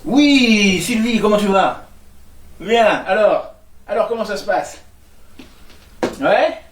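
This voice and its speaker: A man's voice: high voice, expressive, takes it slowly. An actor playing an awkward, tactless man who stammers when flustered, heard on a stage. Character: awkward clumsy man, self-satisfied and tactless. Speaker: office worker and neighbour. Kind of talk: stage comedy acting. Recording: echoey stage sound from far off.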